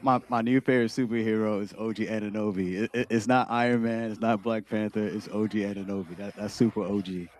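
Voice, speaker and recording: A man's voice: fairly low pitch, fairly even intonation, fast, hardly any pauses, a little mellow. A man co-hosting a sports talk show, chatting casually with frequent stammered restarts. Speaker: podcast co-host.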